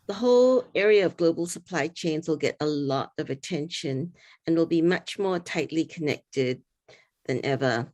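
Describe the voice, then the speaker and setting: Middle-aged woman from Singapore, low voice. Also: a little mellow. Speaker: panelist. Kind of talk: online panel talk.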